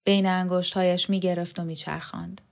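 A woman reading a novel aloud, voicing a devoted, wistful man who recalls the past in a soft, dreamy way. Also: lowish voice, little pitch movement, vocal fry. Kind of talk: audiobook character reading.

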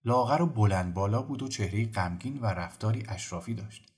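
A man calmly narrating a bedtime audiobook story. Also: fairly low pitch. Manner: calm, measured narration. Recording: faint music behind.

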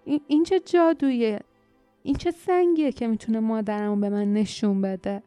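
A woman's voice: mid-range voice, animated, mellow, clear, resonant tone, dry recording, soft background music, natural voice. A woman narrator voicing a fierce young forest girl, breathless and urgent. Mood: pleading, upset. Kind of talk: audiobook character reading.

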